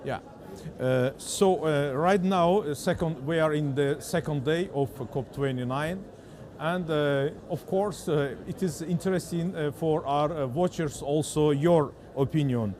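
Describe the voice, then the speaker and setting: Halting male interviewer with an Azerbaijani accent. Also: a little high, darkish tone. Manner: halting, hesitant, frequent fillers in non-native English. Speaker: interviewer, TV journalist. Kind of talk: on-site interview questioning.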